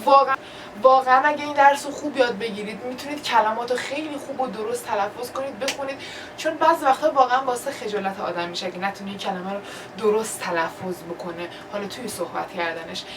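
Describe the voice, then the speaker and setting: Woman, English teacher, drills words slowly, high voice, distant mic, faint hiss. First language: Persian. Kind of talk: classroom-style vowel lesson.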